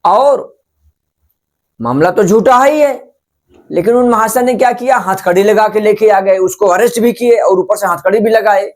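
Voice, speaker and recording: A man's voice: sits high, moderate pace. A man giving spoken opinion commentary as a channel host, scolding and rhetorical, repeating phrases for emphasis.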